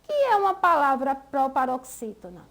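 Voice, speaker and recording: A woman's voice: high-pitched, big pitch swings, normal speed. A Brazilian woman teaching a school lesson, patiently stretching out example words syllable by syllable. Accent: Brazilian Portuguese.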